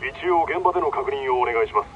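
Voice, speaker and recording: A dispatcher on muffled police radio. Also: male voice, mid-range voice, expressive, quick pace. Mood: curt. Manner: curt, formal instructions. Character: male police dispatcher at headquarters. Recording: muffled radio with siren noise.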